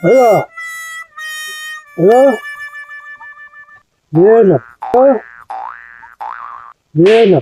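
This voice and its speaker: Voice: medium pitch, animated, extremely slow, long pauses, dark tone, faint music behind. A relative on the far end of a phone call keeps repeating hello and says they cannot hear. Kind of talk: casual phone chat.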